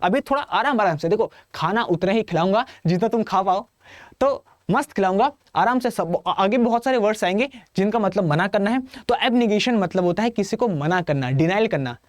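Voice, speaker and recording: A man's voice: high-pitched, animated, fairly quick, no echo. Playful Indian male tutor, exam-prep lesson, close dry mic. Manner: playful, chatty, addresses students directly. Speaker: English vocabulary teacher.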